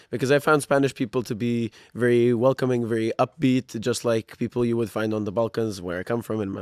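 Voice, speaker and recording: A man's voice: medium pitch, darkish tone, no echo, clean studio sound. A man in his twenties from North Macedonia, a student guest on a podcast, speaking thoughtfully with some hesitations. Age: 20s. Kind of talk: casual podcast chat.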